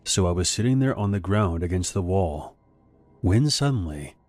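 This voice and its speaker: A man with a very low, deep voice narrates first-person horror stories in a measured, even way. His voice-over is recorded close on a studio mic. A faint music bed runs underneath.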